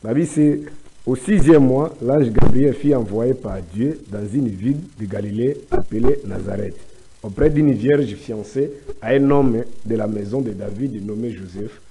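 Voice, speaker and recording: A man with a Congolese French accent holds forth on church customs in a studio discussion, quoting scripture and lecturing at length. His voice is warm and dark at a mid pitch, with halting restarts, and a faint hiss sits under it. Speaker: commentator on church life. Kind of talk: studio discussion, preachy commentary.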